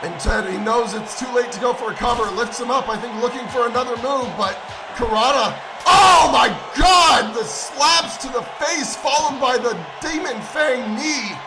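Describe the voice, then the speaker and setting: A man doing excited wrestling commentary who erupts into shouts at big moves. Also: very high voice, fairly quick, few pauses, low-quality recording. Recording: over loud crowd and music. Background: crowd noise and music.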